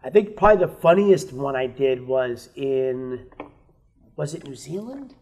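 A guest musician on a podcast tells frank stories about his past, swearing freely and acting out other people's voices. His mid-range voice is unhurried, a little mellow, and lively in intonation, suiting the casual chat.

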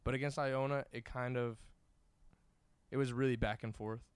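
A man's voice: mid-range voice, steady tone, moderate pace, smooth, no room sound. A young American man, a college soccer player from New York, answering interview questions casually in a locker room. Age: young adult. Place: indoors in a team locker room.

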